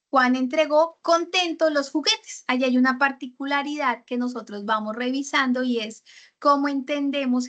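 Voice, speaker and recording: Bright high-voiced woman teaching grammar. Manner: explains grammar with example sentences, frequent fillers and checks like "¿cierto?". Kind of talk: online writing workshop lesson.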